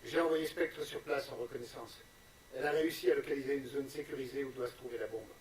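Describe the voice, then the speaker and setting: A man's voice: medium pitch, fairly even intonation, fast, natural voice. An actor playing a formal, assured male military commander giving a briefing in a video game. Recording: echoey room, slightly distant.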